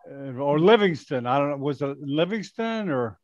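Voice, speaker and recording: An older man hosts a live webcast, introducing his guest in a loose, chatty way full of fillers and restarts. His voice sits a little high. The headset sound is bone-dry and muffled, like typical video-call audio. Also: lively intonation, normal speed, dry recording. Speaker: host.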